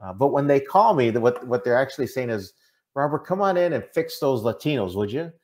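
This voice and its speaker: A middle-aged Minnesota man, a diversity consultant, answers interview questions earnestly and conversationally, often checking in with "right?" in his Midwestern way. His mid-range voice is expressive, brisk, and a little mellow. He's speaking from an indoor room on a video call, picked up by the call's microphone.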